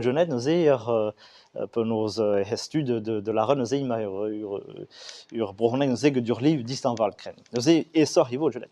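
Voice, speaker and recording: A man explains his subject in a halting way, stopping often on fillers and starting his phrases over. His voice is mellow and warm, pitched in an ordinary middle range. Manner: halting, many fillers and restarts. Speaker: Breton language speaker discussing regional and school Breton. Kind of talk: explanatory talk.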